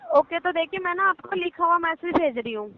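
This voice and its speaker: A woman's voice: very high voice, animated, fairly quick. A woman working as a customer care agent speaks in a polite customer service voice, patiently giving instructions and often saying sir, over a phone call. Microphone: telephone call. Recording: narrow tinny phone line, faint noise.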